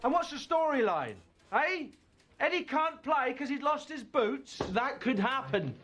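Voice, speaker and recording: An actor playing a brash, pushy editor of a children's comic who talks in a blunt, dismissive way. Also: male voice, extremely high pitch, expressive, measured pace, noisy background. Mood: scornful. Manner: brusque and blunt.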